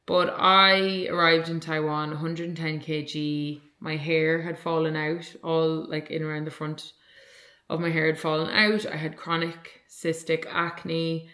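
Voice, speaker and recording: A young woman with an Irish accent talks in a loose, rambling vlog style, full of "like" and "you know". Her voice sits a little low, and the room around her is echoey. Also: little pitch movement, a little slow, bright, forceful tone. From Ireland. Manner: chatty, rambling, lots of "like" fillers. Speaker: vlogger and online coach. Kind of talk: casual vlog chat. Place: at home, indoors.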